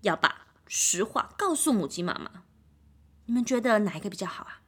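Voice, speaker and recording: Animated woman reading a picture book to kids. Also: medium pitch, moderate pace, breathy edge. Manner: animated, talks to children directly. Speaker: storyteller.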